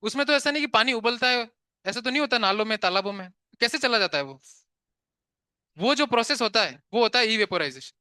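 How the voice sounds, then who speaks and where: A man teaching physics to a live class, chatty and quick to tell students to stop talking and pay attention, mixing English terms into his Hindi and asking questions he answers himself. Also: high voice, pushed and bright, smooth, dry recording, clean studio sound.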